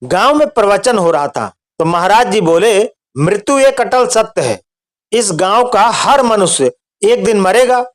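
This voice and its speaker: A man reading out a string of short jokes in a steady storytelling voice. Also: sits high, unhurried.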